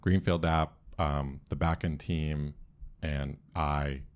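A man in casual conversation who is losing his voice, speaking haltingly with restarts. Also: extremely low pitch, steady tone. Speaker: podcast co-host. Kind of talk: casual chat.

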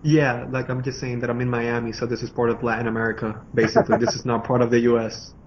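A man's voice: medium pitch, flat delivery, fast talker. Male podcast guest, Venezuelan Spanish accent, rolled r's, rambling and joking, mid-range voice, muffled call audio. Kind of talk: casual chat. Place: remote call. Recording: dull lo-fi call with some noise.

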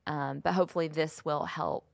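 Woman cohosting a podcast, chatty and upbeat, lowish voice, dry sound. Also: normal speed, vocal fry, dry recording. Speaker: podcast co-host. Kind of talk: casual chat.

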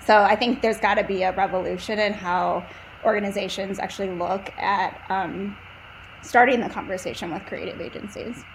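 A woman's voice: mid-range voice, steady tone, moderate pace, vocal fry, rough recording. Woman, interview guest, mid-range voice, chatty, fillers, faint background noise. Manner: chatty, thinks aloud with many fillers. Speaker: agency co-founder, guest. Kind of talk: casual interview chat.

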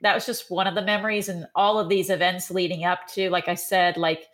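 A woman with a Texan accent, a triathlon coach, chatting casually on a podcast and telling animated stories with lots of fillers. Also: on the low side, fairly quick. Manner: animated storytelling with many fillers.

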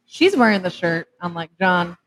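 A woman's voice: lowish voice, very animated, normal speed, a little hiss or hum, low-quality recording. A woman co-hosting a live podcast from a taproom, bubbly and giggly as she runs through local events. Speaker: podcast co-host. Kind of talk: upbeat live podcast chat. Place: restaurant taproom, live show.

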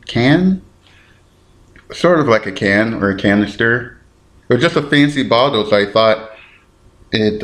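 A man hosts his own podcast alone, talking in a relaxed, rambling way as if thinking out loud. His voice sits a little low. It sounds like a home podcast mic. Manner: rambling and easygoing, thinking aloud. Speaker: podcast host. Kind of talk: casual solo podcast chat.

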